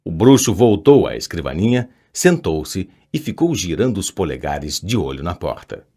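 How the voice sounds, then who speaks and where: Casting: male audiobook narrator, fairly low voice, lively pitch, expressive storytelling. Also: normal speed. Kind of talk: scripted narration.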